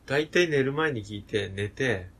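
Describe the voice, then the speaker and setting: A man's voice: medium pitch, expressive, a little slow, a bit bright, slightly rough. A man co-hosting a casual after-work chat, talking with a slight lisp in a playful, teasing way. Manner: slightly lisping, tongue-tied speech. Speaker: podcast co-host, junior colleague.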